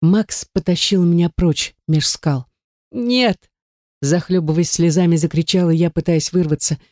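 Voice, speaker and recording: A woman narrating a first-person novel as an audiobook, reading steadily and expressively with tense pauses, on a close studio mic. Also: lowish voice, fairly even intonation, dark tone, dry recording.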